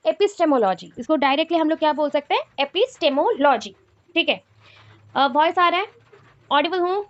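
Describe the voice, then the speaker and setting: A woman's voice: sits high, expressive, brisk, no room sound. A woman teaching an online class, explaining in mixed Hindi and English, repeating key terms and checking in with her students. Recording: dull lo-fi audio.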